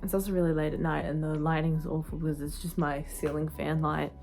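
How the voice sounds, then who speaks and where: A young woman talks into her phone in her bedroom late at night. She keeps her voice hushed, often slipping into a half-whisper. Her tone is lowish and mellow, she gushes emotionally about what she reads, and faint music plays underneath. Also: little pitch movement, brisk, low-quality recording. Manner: gushing and emotional. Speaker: book vlogger. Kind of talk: late-night reading vlog.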